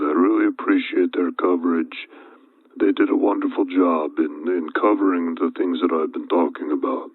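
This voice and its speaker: An older man who is losing his voice, talking to his viewers in a worried, halting monologue full of restarts and repeated words. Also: low voice, no echo. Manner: anxious, repetitive, halting restarts. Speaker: video channel host. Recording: tinny phone-like dry audio.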